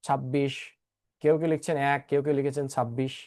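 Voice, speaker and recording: A man's voice: mid-range voice, level tone, fast talker, darkish tone. A man teaching a spoken English lesson online, mixing English phrases into his talk and often checking that students follow. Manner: mixes English into talk, keeps checking "okay?". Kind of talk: online class lecture. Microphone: online class microphone.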